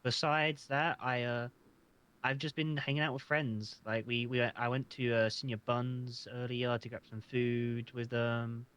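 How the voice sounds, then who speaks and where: A man's voice: mid-range voice, level tone, measured pace, a bit bright, clean tone. A man answering interview questions in an earnest, hesitant way, often stammering and restarting. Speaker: job applicant. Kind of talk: casual roleplay interview.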